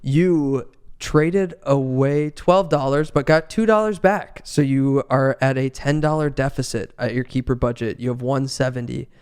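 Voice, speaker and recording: A man's voice: medium pitch, measured pace, darkish tone, clean tone. A man co-hosting a casual fantasy football podcast, thinking aloud with lots of restarts. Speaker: podcast co-host. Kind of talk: casual chat.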